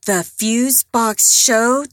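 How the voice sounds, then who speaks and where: Woman playing a slow-talking, flirtatious suburban housewife. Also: fairly high pitch, a bit bright, no echo. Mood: flirty, sweet. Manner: slow, suggestive, breezy innuendo. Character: flirtatious suburban housewife, a friend's seductive mother. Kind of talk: parody radio advert sketch.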